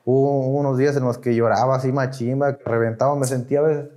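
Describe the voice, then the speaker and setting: A man's voice: mid-range voice, flat delivery, fast, warm tone. This young man speaks with a Mexican accent and a mid-range voice. He is a podcast guest, and he tells his story in slang, with real emotion. He acts out the voices of the people he is quoting as he goes. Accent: Mexican Spanish. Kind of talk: casual conversation.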